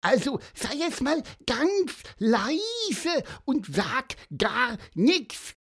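A storyteller voicing a small, excitable, nosy bird with a high, squeaky voice. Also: very slow, heavily acted. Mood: hushing.

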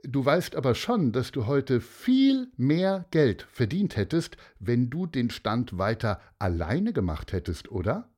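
A man voicing a proud, warm-hearted father in a storybook, speaking emphatically and loudly. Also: medium pitch, big pitch swings, a little slow, hardly any pauses, voice pushed up.

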